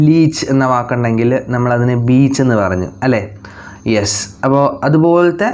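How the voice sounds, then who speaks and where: Malayali guy teaching little kids english, drawn out and slow, asks then answers himself. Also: mid-range voice, a little mellow. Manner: reads English slowly, explains in quick Malayalam. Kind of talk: online English lesson for young children.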